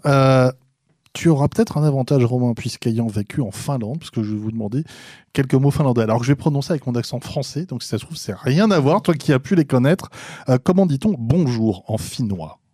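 A man's voice: mid-range voice, lively intonation, brisk, a little mellow, no echo, clean studio sound. A man hosting a podcast, asking questions in a lighthearted way. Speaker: podcast host. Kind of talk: casual podcast interview.

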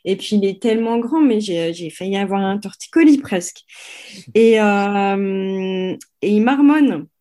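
A French woman telling lively anecdotes in an interview, full of fillers and restarts. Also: medium pitch, unhurried. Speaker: interview guest, sports photographer.

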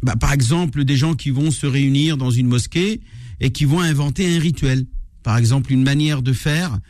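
A man's voice: medium pitch, normal speed, a little mellow, no room sound, clean studio sound. A man, an imam explaining religion in a live radio discussion, hesitant and searching for words. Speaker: imam, regular radio guest.

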